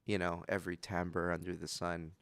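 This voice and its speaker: Deep gravelly man in casual chat. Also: little pitch movement, normal speed, a bit bright, no echo. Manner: joking, eager questions. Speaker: music producer, co-host. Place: small home room with fan. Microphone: home studio mic on video call.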